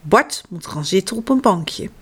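A woman reading a children's story aloud in a slow, expressive way. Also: medium pitch, breathy edge.

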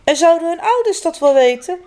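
A woman voicing a fretful, excitable grandmother in a children's story, with shrill, gasping exclamations. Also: brisk. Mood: worried. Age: older.

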